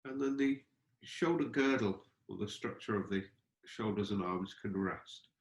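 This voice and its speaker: A teacher guides a meditation, his fairly low male voice echoing around a spacious room. He moves gently and slowly through exploratory phrases, pausing between each.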